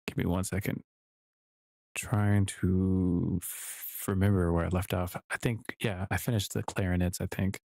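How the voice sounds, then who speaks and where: Streaming his work, this music producer rambles to himself while putting together samples, catching his own mistakes with small laughs. His low voice is gravelly and a touch mellow, delivered flatly at a measured pace with no echo.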